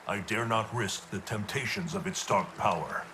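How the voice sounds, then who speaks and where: An actor playing a grave, wise guardian god in a video game, speaking in a formal, stately way. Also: male voice, fairly low pitch, normal speed, background noise, natural voice. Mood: grave, troubled. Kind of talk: dramatic video game acting.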